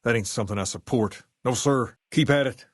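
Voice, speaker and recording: An actor playing a swaggering, folksy gang boss in a video game, with a laid-back Southern US drawl. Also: male voice, medium pitch, brisk, husky, no room sound, clean studio sound, close to an everyday voice. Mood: laid-back, confident. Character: swaggering, folksy gang boss who idolizes a rock-and-roll singer. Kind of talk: video game character dialogue.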